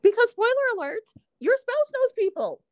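A woman's voice: extremely high pitch, very animated, normal speed, no echo. A young woman co-hosting a podcast, chatting casually, with dry humor and acted-out quotes. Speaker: podcast co-host.

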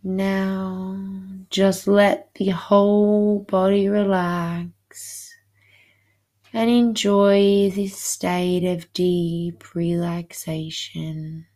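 Very slow, soothing woman hypnotist. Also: medium pitch, level tone, darkish tone. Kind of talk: guided hypnosis session.

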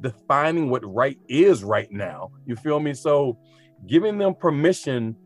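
Animated man teacher, casual and talky. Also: medium pitch, measured pace, soft background music. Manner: animated, talky, reflective with colloquial asides. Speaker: teacher of high school students. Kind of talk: casual interview conversation.

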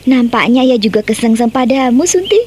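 A lively young village girl teases her friend playfully, as an actress voices her. Her voice is slightly high. A faint hiss sits behind her lines in this old radio play. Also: brisk, close to an everyday voice. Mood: teasing. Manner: playful, teasing. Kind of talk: radio drama acting.

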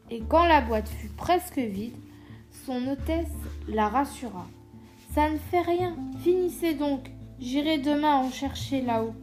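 A woman reading a children's story aloud in a gentle, measured way. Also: a little high. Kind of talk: scripted narration of a children's story. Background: soft instrumental music.

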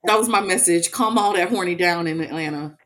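A woman co-hosts a podcast in a lowish voice. She speaks emphatically, with a teasing edge in the banter. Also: a bit bright. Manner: emphatic and quick to tease. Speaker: podcast co-host. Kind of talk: casual chat.

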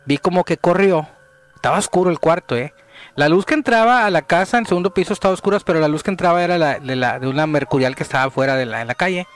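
Animated Mexican man telling a story. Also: on the high side. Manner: animated, drops to hushed tones at tense moments. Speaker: podcast guest telling a story. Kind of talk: casual storytelling.

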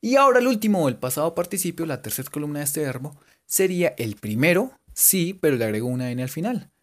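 A man giving a casual, joking English lesson and repeating English words slowly for his students. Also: fairly high pitch, very animated. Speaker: English teacher. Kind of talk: casual bilingual language lesson.

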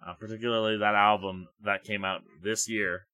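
Male podcast co-host, wry relaxed music chat, bright edgy tone, dry sound. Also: fairly low pitch, normal speed, smooth, no echo. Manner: relaxed, wry, filler-heavy. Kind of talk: casual music review chat.

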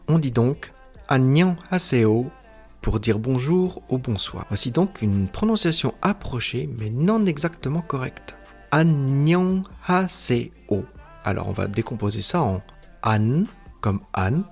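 A man explaining a language lesson with a lively, rising and falling voice. He is patient and methodical, slowing down to break each sound apart. Soft music plays faintly behind him. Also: mid-range voice, gravelly, husky. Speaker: language teacher.

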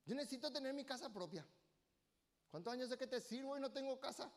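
A man preaching with a very high voice for a man. He speaks emphatically, swells into loud passages and keeps asking the congregation for an amen. His voice rings out with a long reverb from a church hall. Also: animated, fast talker. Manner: emphatic, rising to loud bursts, asks the congregation for amens. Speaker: pastor. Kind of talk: sermon.

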